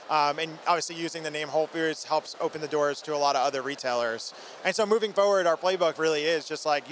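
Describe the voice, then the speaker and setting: Faint background noise from the convention hall accompanies this trade show interview, in which a founder in his thirties talks energetically and casually into a handheld microphone at a busy indoor booth. His voice is a little high and fairly bright.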